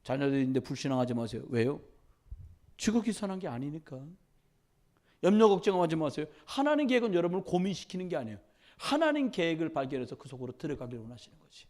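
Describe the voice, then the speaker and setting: A male pastor preaching a midweek church sermon, swinging between loud exhortation and quiet storytelling, and often putting questions straight to the congregation. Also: on the high side, sing-song, fast talker. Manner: conversational, addresses congregation directly with questions.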